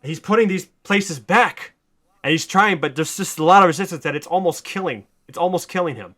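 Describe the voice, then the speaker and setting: A man hosting a podcast, telling a story in excited casual chat, swearing a lot and rising to near shouts. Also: high-pitched, a little fast. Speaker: podcast host.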